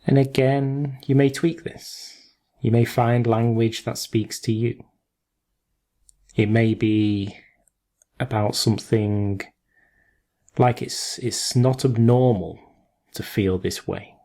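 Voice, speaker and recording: In a guided meditation, a man delivers soft instructions at a very slow pace, short phrases followed by long pauses. His mid-range voice is mellow and soft-edged, gravelly with a creak, and fairly even in intonation.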